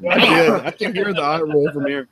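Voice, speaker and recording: A man's voice: fairly high pitch, a little fast, crowd noise. A man in his thirties on a headset video call, giving advice in a rambling, self-correcting way and laughing often. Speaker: panelist, reseller. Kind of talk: casual video call chat. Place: home room with collectibles.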